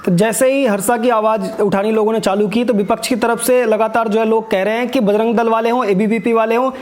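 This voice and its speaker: A male news host introduces his guest and puts steady, probing questions to him. His voice is strikingly high for a man. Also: a little fast. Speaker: news channel host, interviewer. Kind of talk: news interview.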